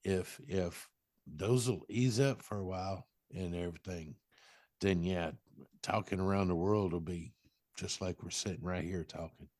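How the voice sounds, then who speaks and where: Co-host: deep-voiced man, hesitant, stop-start delivery, dry recording. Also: a little mellow, no room sound. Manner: halting, many restarts and fillers. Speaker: podcast co-host. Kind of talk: casual chat.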